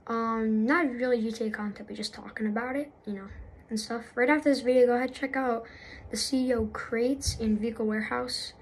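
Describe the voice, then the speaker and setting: A woman's voice: on the high side, fairly even intonation, a little fast, husky, poor audio. A young woman talking off the cuff as a gaming YouTuber, rambling and apologizing, with lots of fillers and restarts. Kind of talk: unscripted casual commentary.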